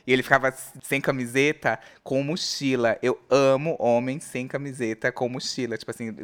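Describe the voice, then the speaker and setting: Host, male, smooth resonant voice, animated casual storyteller. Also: medium pitch, moderate pace. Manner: lively storytelling, slangy. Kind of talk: casual chat.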